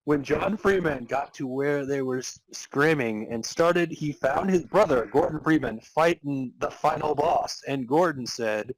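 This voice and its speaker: This podcast host's voice runs on the high side as he narrates amateur fan fiction at a measured pace, rarely pausing. His delivery is dramatic in a tongue-in-cheek, mock-serious way, captured in a low-quality recording.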